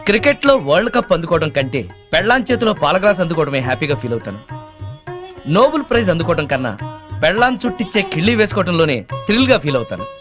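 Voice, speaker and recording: A proud doting husband. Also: male voice, a little high, sing-song, fast, dull audio. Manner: grand, speechifying praise of his wife. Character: doting husband proud of adoring his wife. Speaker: husband character in a comedy scene. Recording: film audio with music behind.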